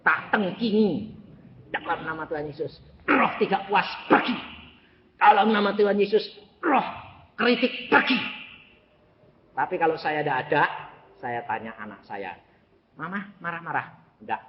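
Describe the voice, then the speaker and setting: A man preaching a sermon, telling stories and swinging between shouts and hushed asides. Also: a little high, sing-song, measured pace, long pauses. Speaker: evangelist preacher. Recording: echoey hall, slightly dull, faint noise.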